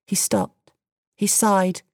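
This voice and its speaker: Expressive woman telling a story. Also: medium pitch, takes it slowly, no echo, studio quality. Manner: expressive, with playful asides. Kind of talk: storytelling narration.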